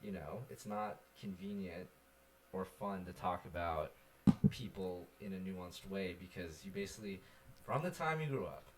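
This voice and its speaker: A man co-hosting a casual chat stream, talking in an animated, rambling way with many fillers. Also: deep voice, normal speed. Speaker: podcast co-host.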